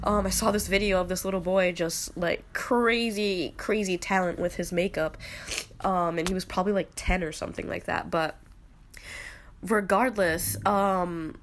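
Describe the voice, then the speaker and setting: With slight background noise, a woman in her late twenties airs her opinions as a podcast host, rambling and frequently restarting or using fillers. A cold makes her lowish voice slightly nasal; her tone stays steady and her speed normal.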